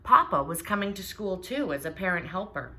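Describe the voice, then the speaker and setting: A woman's voice: fairly low pitch, fairly quick. A woman reading a children's storybook aloud and asking her young listeners questions along the way. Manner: animated, asks listeners questions. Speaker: storybook reader.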